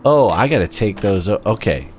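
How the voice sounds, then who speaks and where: A man giving casual, halting gameplay commentary as a streamer, musing aloud as he goes. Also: lowish voice, big pitch swings. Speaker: game streamer. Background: faint game music.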